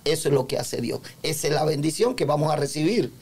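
A man on a religious talk show, preaching about God and telling lively personal stories. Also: fairly high pitch, fast talker, husky. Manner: preachy, animated storytelling.

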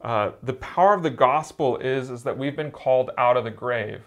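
A man who is a church elder, preaching in a relaxed, conversational way and telling a story with frequent "uh"s. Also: mid-range voice, moderate pace.

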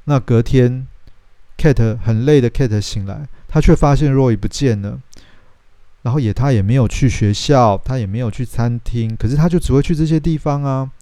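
A man's voice: mid-range voice, normal speed, dark tone, no room sound. A man, telling the plot of a film in a casual, chatty way and acting out the characters' lines. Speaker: host retelling a film plot. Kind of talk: casual storytelling film recap.

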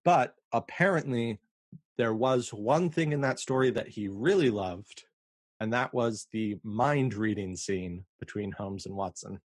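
A man's voice: on the low side, measured pace, no room sound, studio quality. A man co-hosting a podcast, chatting casually, laughing often and reading quotes aloud. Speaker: podcast co-host. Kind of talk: casual chat.

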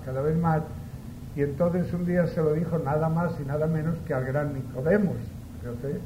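A man preaches in a large church, his voice ringing with a cathedral echo. He talks unhurried and conversational, dropping little asides to the congregation. Steady background noise sits under the booming reverb. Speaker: priest. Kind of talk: Mass reading and homily.

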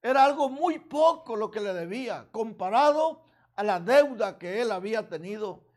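A man preaching a sermon, retelling a parable slowly and earnestly. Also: sits high, expressive.

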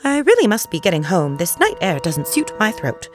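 A woman's voice: mid-range voice, wildly swooping pitch, moderate pace, soft background music, voice pushed up. A woman voicing a fussy old magpie in a storybook reading.

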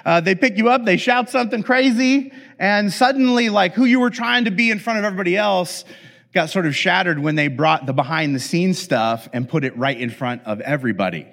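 A man's voice: sits high, vocal fry, a bit bright. A middle-aged man, a pastor, telling a funny family story in a sermon, talking casually with many fillers and restarts. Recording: long hall reverb.

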